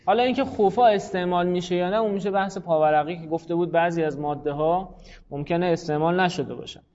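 A man's voice: sits high, a little mellow. Man lecturing a class, muffled recording. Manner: explains patiently, calls on students by name. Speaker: teacher.

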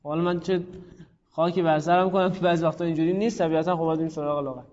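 A man's voice: on the high side, steady tone, a little mellow, in a large hall, highs cut off. A man teaching a grammar class, calling on students by name and thinking aloud. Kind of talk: classroom lesson on Arabic grammar.

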